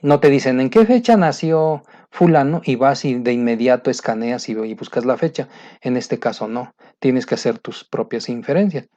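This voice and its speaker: A man's voice: medium pitch, normal speed, dark tone. A man with a Mexican Spanish accent teaching an exam-prep lesson, patiently walking the student through each step. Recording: dull lo-fi sound.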